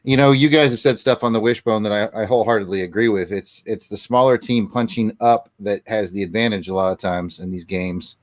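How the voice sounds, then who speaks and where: A man co-hosting a casual sports show, talking as a passionate fan in an emphatic, deliberate way with drawn-out stresses. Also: on the low side, no echo, studio quality. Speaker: sports podcast co-host. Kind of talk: casual fan talk and ranting about college football.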